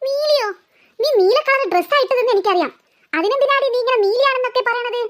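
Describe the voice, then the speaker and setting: Scared cartoon girl, voiced by a woman: very high, panicky, stammering. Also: quick pace, very noisy. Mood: puzzled. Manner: panicky, stammering, calls out for her mother. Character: frightened young girl, excitable and pleading. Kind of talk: cartoon voice acting.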